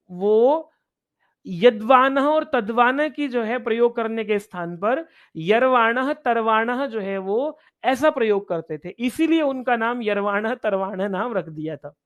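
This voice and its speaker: A man's voice: high voice, muffled recording. A man teaching Sanskrit in an online exam-prep class. He reads Sanskrit lines and explains each one in Hindi, stopping to ask his students questions.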